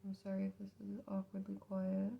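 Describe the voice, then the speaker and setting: A woman's voice: mid-range voice, monotone, normal speed, vocal fry, lo-fi sound. A young woman giving a casual, chatty makeup tutorial, informal and apologetic as she thinks aloud, talking with a mouth still recovering from wisdom teeth removal.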